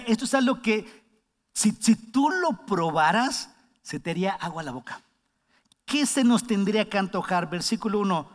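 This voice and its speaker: A man preaching a sermon, talking conversationally and often asking the congregation questions. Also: high voice. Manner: conversational, asks the congregation questions, acts out shouted warnings. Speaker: pastor. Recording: long hall reverb.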